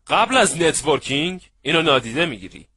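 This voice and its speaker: Casting note: male seminar trainer, husky edge, dry close sound, lively, acts out scenes. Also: a little high, dry recording. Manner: lively, acts out little scenes, asks the audience if they follow. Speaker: networking trainer. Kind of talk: animated seminar lecture.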